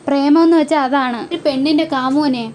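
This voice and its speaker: Teasing know-it-all big brother, as a woman puts him on, high voice. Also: steady tone, brisk, darkish tone, slight background noise, natural voice. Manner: teasing, lecturing. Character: teasing older brother, playful and boastful.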